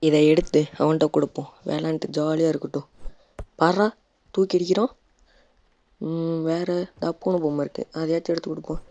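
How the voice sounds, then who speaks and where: A man's voice: on the high side, level tone, a little fast, long pauses, dark tone, no room sound. A Tamil-accented man narrating his gameplay in a loose, chatty way. He keeps up a running commentary and playfully scolds the character on screen. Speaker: gaming YouTuber. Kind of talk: casual let's-play commentary.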